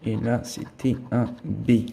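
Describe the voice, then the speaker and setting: A man's voice: lowish voice, level tone, takes it slowly, vocal fry, warm tone, breathy edge. A man giving a casual running commentary as he scratches lottery tickets, thinking aloud as he checks each symbol and letter. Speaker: scratch-card vlogger.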